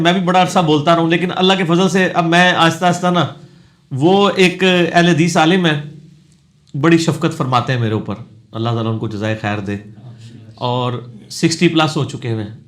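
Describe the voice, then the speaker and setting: High-voiced Punjabi-accented man lecturing. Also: fairly bright tone. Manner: explanatory, correcting, slips into Punjabi asides. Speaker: religious scholar answering questions. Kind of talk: Q&A lecture on pronunciation.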